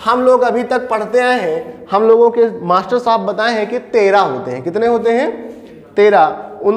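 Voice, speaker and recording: A man teaching a Hindi grammar lesson, who asks his class questions and answers them himself and repeats the key points. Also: high-pitched. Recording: echoey room with reverb.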